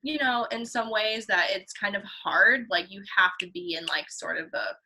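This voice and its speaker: Young woman ballet teacher talking, kinda bright sharp voice, chatty with fillers. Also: medium pitch, normal speed, slightly rough, low-quality recording. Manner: chatty, filler-heavy, laughs often. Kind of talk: casual chat.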